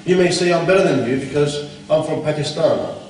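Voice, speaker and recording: A conference speaker delivers a blunt, scolding Islamic talk, firing off rhetorical questions in a rather high, fairly quick voice. He's heard from a distance in an echoey conference hall, with background noise.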